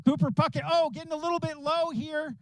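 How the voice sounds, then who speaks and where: A man calling a ski race live, excitedly repeating racers' names and finish times. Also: extremely high pitch, fairly quick, no room sound, low-quality recording. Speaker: race announcer. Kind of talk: live sports commentary.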